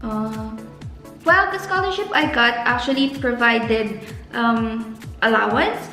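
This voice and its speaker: This is a fairly high-pitched female voice, slow, pushed and bright, belonging to a young Filipino graduate student from the Philippines. With her Filipino accent, she gives earnest, casual advice in a vlog and lengthens words for emphasis. The recording has an echoey room and faint music.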